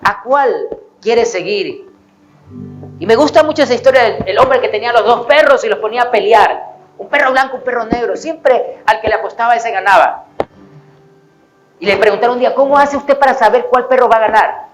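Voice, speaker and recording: A man's voice: very high-pitched, brisk, soft background music, low-quality recording. A man giving a conversational sermon as a pastor, with self-deprecating humor and acted-out snippets of dialogue.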